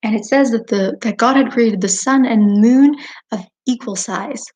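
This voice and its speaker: A woman's voice: fairly high pitch, normal speed, a little mellow. A woman teaching a lesson by retelling an old story in a chatty, informal way with frequent fillers.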